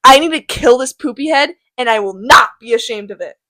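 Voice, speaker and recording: A woman's voice: sits high, a little fast, bright, forceful tone, dry recording. A teenage girl voicing a hotheaded teenage boy cousin, indignant and slangy, in a school drama project. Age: teens.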